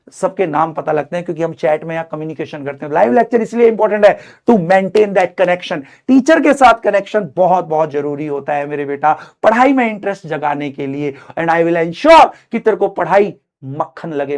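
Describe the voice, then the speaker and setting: Middle-aged man, online chemistry teacher; fatherly, lively, alternates loud urging with quiet heartfelt advice. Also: high voice. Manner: animated and fatherly, swings between loud exhortation and quiet earnest advice; mixes English phrases into his speech, calls students son. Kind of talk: live online lecture pep talk.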